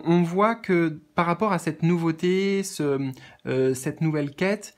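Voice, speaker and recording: A man giving a spiritual card reading to his viewers, speaking gently and hesitantly with many fillers and repeated words. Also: fairly high pitch. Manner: gentle, addresses viewers as friends. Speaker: tarot card reader.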